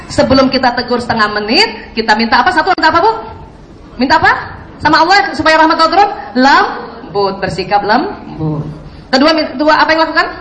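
A woman's voice: sits high, expressive, very fast, a bit bright, roomy sound, a little hiss or hum, low-quality recording. A woman preacher giving a sermon to women, often putting questions to her listeners. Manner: questions the audience. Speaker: Islamic preacher.

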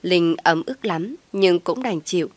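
A woman's voice: on the low side, a little slow, dry recording. A woman narrating a dramatic family story as a storyteller, reading steadily and expressively.

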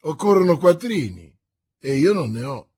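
A man voicing a loud, blustering male musketeer who exclaims indignantly. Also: a little high, very animated, normal speed, breathy edge, exaggerated voice.

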